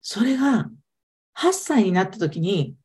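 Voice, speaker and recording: A woman's voice: medium pitch, very animated, measured pace, a little mellow. A woman, an interview guest telling her story in a casual, emphatic way.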